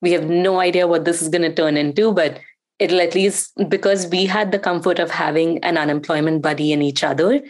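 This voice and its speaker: A woman's voice: fairly low pitch, fairly even intonation, fairly quick. A woman guest telling her story in an earnest, reflective way during a casual interview.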